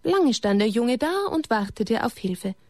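A woman reads a religious story aloud to children, gently turning to them with questions. Her voice is fairly high for a woman and sometimes drops to a whisper. The sound is close and dry. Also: sing-song, unhurried, no echo.

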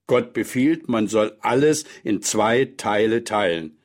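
A man reading aloud, voicing a frail, hoarse old man who keeps coughing and gently lectures children. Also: fairly low pitch. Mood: gentle, earnest. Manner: slow, gentle, preaching to children.

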